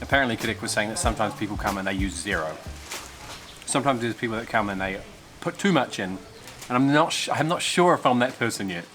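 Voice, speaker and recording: A young man in casual vlog chat, relaxed and chatty, talking while tasting food. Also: fairly low pitch, fast, over music. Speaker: travel vlogger.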